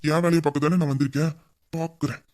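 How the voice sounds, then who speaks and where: A man's voice: fairly high pitch, steady tone, quick pace, darkish tone. A man playing a flirtatious male boss who teases a staff member in a Tamil audio drama. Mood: teasing. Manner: teasing, playful and bossy. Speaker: boss voicing a romantic male lead.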